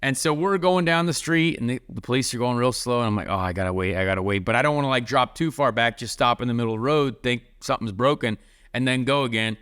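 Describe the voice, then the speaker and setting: Podcast host, man, bright forceful voice, rambling casual storyteller. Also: medium pitch, fast talker, smooth. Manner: rambling, heavy use of "like".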